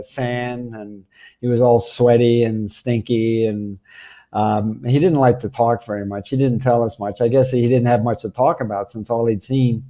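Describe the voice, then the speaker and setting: A man's voice: medium pitch, highs cut off. An older man telling children a rambling personal travel story, full of ums, restarts and chuckles.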